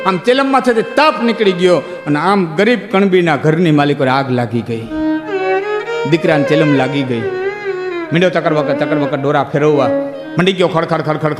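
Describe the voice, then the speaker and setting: A man spins a folk tale in a high, carrying voice. His telling swells to near-shouts at the dramatic peaks. A long reverb hangs in the hall, and a fiddle plays clearly behind him. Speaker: folk storyteller. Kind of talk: Gujarati folk tale narration.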